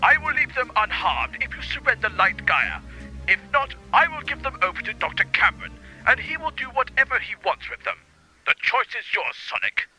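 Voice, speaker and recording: A man's voice: very high-pitched, huge pitch swings, normal speed, bright, forceful tone, soft background music, exaggerated voice, rough recording. A man playing a pompous, menacing villain doctor in an audio drama, broadcasting a threat over the radio. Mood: gloating menace. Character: gloating theatrical villain doctor issuing a threat. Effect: radio transmission.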